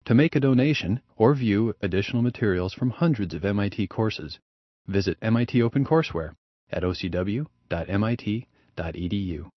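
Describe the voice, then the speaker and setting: A man reading a scripted announcement in an even, measured way. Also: lowish voice, no echo. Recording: dry, slightly dull studio recording.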